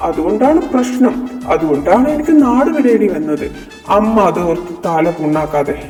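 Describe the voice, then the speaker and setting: A man's voice: sits high, animated, normal speed, a little mellow. A man voicing a brash young man who talks back to his mother in a cocky, dismissive way. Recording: echoey room with long reverb, from far off, music behind.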